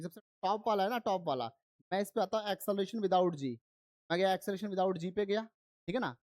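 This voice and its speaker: A man's voice: high voice, darkish tone, no room sound. Give me a male teacher walking students through a physics demo, in a dry, close recording. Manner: explains step by step, calls students "beta", checks in often; switches between Hindi and English terms. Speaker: science teacher. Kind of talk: online physics lesson.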